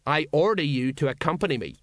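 A man's voice: a little high, expressive, fast, no room sound, studio quality, close to an everyday voice. Colon, a man as a blustering stout sergeant.

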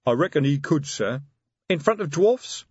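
A man voicing a big, slow, patient male troll sergeant in an audiobook, with a plodding delivery. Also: a little high, lively intonation, slightly rough, dry recording, highs cut off, voice pushed up.

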